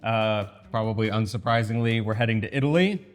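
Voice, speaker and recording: A man's voice: on the low side, a little fast. An American man chatting casually and informally to camera as a vlog host, in an echoey empty kitchen. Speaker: channel host. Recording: echoey empty room, faint music.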